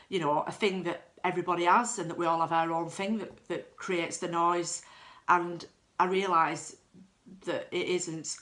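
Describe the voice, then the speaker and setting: With a fairly low pitch and a sharp tone, a middle-aged woman tells her story as a client testimonial. She's candid and self-deprecating, often backing up to begin again.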